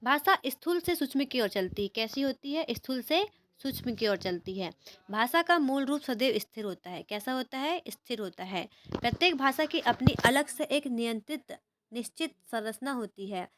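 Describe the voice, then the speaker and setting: A woman's voice: a little high, animated, moderate pace, a bit bright, a little hiss or hum. A young woman teaching an exam-prep lesson, asking questions and answering them herself and repeating key words to help students remember.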